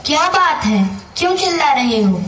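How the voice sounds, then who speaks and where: An actress playing a practical merchant's wife in a school stage play, coaxing and probing. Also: female voice, high-pitched, sing-song, moderate pace, fairly bright tone, some chatter behind, slight background noise. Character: merchant's wife, grown woman, questioning and practical. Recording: echoey hall, voice from far off.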